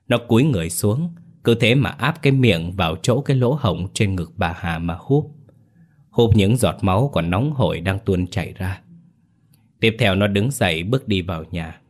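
Guy telling a scary story, real low voice, dramatic and ominous, soft music in the back. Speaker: narrator. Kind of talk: horror story narration.

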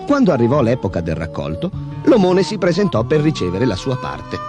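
A man narrating a fairy tale in an expressive, animated way. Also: mid-range voice, a little fast, over music. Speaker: storyteller.

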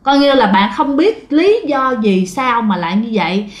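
High-voiced woman telling a ghost story. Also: big pitch swings, normal speed. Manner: conversational, addresses listeners often, acts out the family's lines. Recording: echoey room.

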